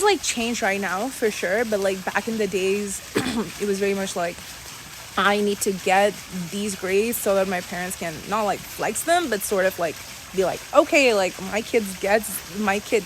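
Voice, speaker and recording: Chatty young woman, noisy recording. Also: mid-range voice. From Saudi Arabia. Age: 20s. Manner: chatty, filler-heavy, confiding. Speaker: content creator. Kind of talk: casual about-me vlog.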